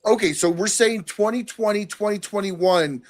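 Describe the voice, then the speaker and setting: A man in his forties chatting casually on a podcast, blunt and quick to ask pointed questions. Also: high-pitched. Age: 40s. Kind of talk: casual chat.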